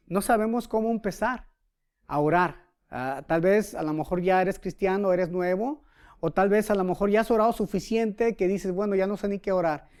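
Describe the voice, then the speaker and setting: Mexican pastor guy preaching, lively storytelling, does little voices for people. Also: high-pitched, smooth. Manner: animated storyteller, acts out quotes. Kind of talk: sermon with storytelling.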